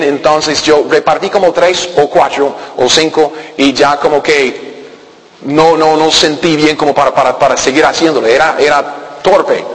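A man, a pastor telling a story in a sermon, halting and restarting often and checking that listeners follow. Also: on the high side. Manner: halting, with many repeated words and restarts; conversational, asking listeners if they follow. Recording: long reverb of a large hall.

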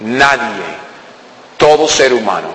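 A man preaching a sermon, swinging between loud emphatic lines and low, quiet asides. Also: expressive, slow pace, a little hiss or hum. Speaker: pastor. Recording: distant in a reverberant hall.

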